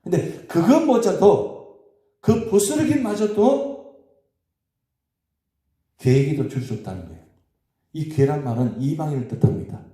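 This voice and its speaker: Pastor preaching in a very echoey hall. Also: male voice, on the high side, expressive, a little slow, long pauses, dark tone. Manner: rising and falling emphatic preaching, rhetorical questions. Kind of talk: early morning sermon. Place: church sanctuary.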